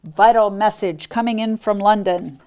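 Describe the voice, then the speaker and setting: A woman voicing an urgent military farm cat sergeant in a children's storybook, shouting and commanding. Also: medium pitch, steady tone, moderate pace, natural voice.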